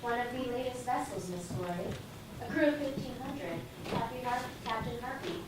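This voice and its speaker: Woman as female robot typist: flat, literal, obedient; stage play, distant mic, noisy echoing room. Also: a little high, moderate pace, natural voice. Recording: echoey room from far off with noise.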